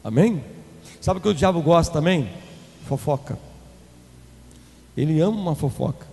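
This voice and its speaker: A man with a Brazilian Portuguese accent preaching a sermon as an apostle, swinging between loud declaiming and quick low asides to the congregation. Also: expressive, creaky. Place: church hall. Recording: long hall reverb, faint room noise.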